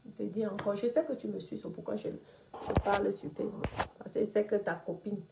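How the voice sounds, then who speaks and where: A woman's voice: mid-range voice, fairly quick, creaky, noisy background. A woman, scolding someone directly in a social media rant. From Cameroon. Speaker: property investor. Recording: roomy echo.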